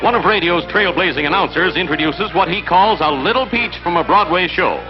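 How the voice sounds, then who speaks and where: High-voiced old newsreel announcer, man. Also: a little fast. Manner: emphatic announcing. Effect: old newsreel soundtrack. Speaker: newsreel narrator. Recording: dull lo-fi film sound with loud music.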